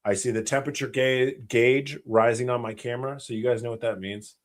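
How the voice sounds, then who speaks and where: A man's voice: medium pitch, steady tone, a little fast. An American man hosting a live Q&A stream, talking bluntly and rambling, with heavy swearing. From United States. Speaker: channel host, former special operations soldier.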